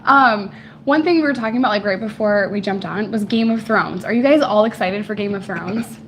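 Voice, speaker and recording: A woman whose voice is hoarse and giving out, chatting casually and playfully with viewers as host of a live stream. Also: mid-range voice, brisk, slight background noise. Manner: playful, teasing, slangy. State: voice giving out, hoarse from recent voice loss.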